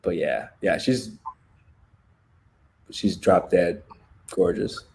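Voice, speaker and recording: A man's voice: sits low, very slow, creaky, darkish tone, a little hiss or hum. An American man hosting a casual livestream chat, laid-back and laughing often, talking in loose slang. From United States. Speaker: livestream host.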